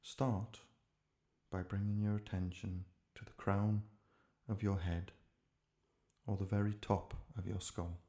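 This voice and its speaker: Pausing between short phrases, a man leads listeners through a relaxation meditation in a gentle, measured manner; his voice sits low.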